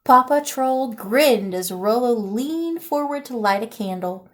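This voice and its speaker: A teacher, a woman, takes her time reading a picture book to kids in a voice a touch higher than typical for a woman. Her delivery is vivid and expressive, climbing during the thrilling bits.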